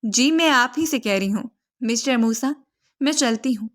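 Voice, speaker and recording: Sharp-tongued young woman, scolding, brisk, higher pitched, storybook reading, voiced by the narrator. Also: lightly acted.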